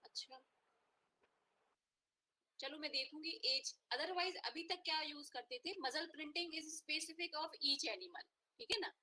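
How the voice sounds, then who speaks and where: A woman's voice: sits high, animated, takes it slowly, pushed and bright, poor audio. An Indian woman teaching an online veterinary anatomy class, mixing Hindi and English and often checking in with her students. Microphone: online class audio.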